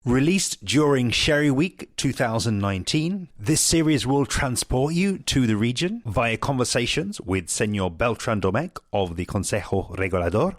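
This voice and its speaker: A man hosting a podcast, reading a scripted introduction in a smooth, even delivery. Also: medium pitch, no echo, studio quality. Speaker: podcast host.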